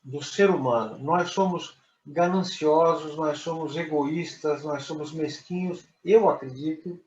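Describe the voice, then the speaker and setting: A man's voice: on the high side, measured pace. A man speaking earnestly and emphatically in a group discussion, with a teasing edge. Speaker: meeting participant. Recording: echoey room, muffled, faint noise.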